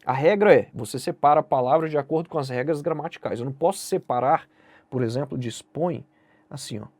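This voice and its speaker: A man's voice: on the high side, brisk, a little mellow, no echo. A Brazilian man teaching an online exam-prep lesson, speaking directly to the viewer and asking and answering his own questions. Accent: Brazilian Portuguese. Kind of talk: online lesson explaining essay grading.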